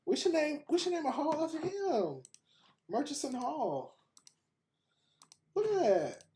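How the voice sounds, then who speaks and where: A very high-pitched man in his thirties hosts a podcast, talking a little slowly in a dark tone. He is very animated, browsing and reading aloud with casual commentary and frequent laughter, and there is no echo.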